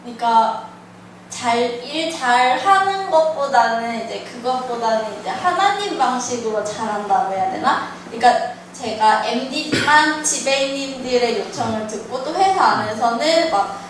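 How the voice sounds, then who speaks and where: Young woman sharing a testimony at church, high voice, chatty and rambling, mic far away. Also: animated, measured pace, a crowd in the background. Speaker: church small-group member. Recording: echoey room, picked up from far off.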